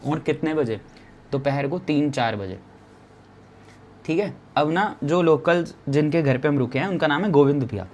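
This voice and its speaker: A man in his twenties telling a travel story in a lively way. He repeats phrases for drama and speaks straight to the listener. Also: fairly high pitch, normal speed, a little hiss or hum. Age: 20s. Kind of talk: animated personal storytelling.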